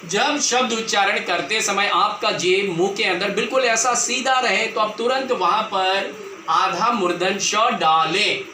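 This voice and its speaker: A man with a high, very bright and sharp voice teaches a grammar lesson and explains each point patiently, going over it again and again. He sounds like he is in an echoey room with faint noise behind him. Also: unhurried. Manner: patient, repetitive explaining, addresses viewers as children.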